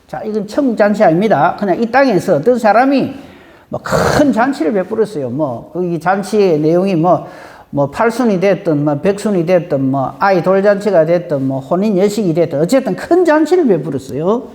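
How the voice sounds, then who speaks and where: Animated woman preaching. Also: medium pitch, brisk, big-room sound. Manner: lively, asks the congregation many rhetorical questions. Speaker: pastor. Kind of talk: dawn prayer service sermon.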